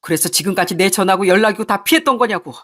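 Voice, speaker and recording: A woman's voice: mid-range voice, lively intonation, very fast, fairly bright tone. A woman voicing a betrayed husband who angrily accuses his wife. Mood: angry, accusing. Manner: angry, accusing.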